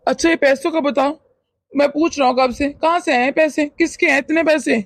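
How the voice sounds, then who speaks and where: A woman's voice: high voice, fairly even intonation, brisk, no room sound. A woman voicing a stern young husband and son in a cartoon who questions and scolds. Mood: stern questioning.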